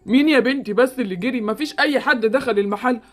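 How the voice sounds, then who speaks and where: A woman's voice: fairly high pitch, fast, faint music behind, natural voice. A woman doing a kindly shopkeeper uncle. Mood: fatherly. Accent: Egyptian Arabic.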